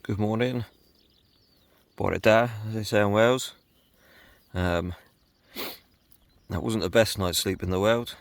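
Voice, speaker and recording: A man chatting casually through an outdoor camping vlog, relaxed, with plenty of ums. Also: lowish voice, a little slow, pauses often, no room sound. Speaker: wild camping vlogger. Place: outdoors on a windy hillside.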